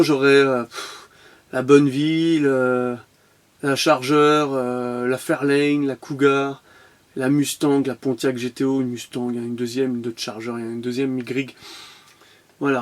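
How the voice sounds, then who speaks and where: A man's voice: medium pitch, steady tone, a little slow. A man hosting a casual unboxing vlog of his toy car purchases, chatty and full of fillers and restarts. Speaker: toy car collector vlogger.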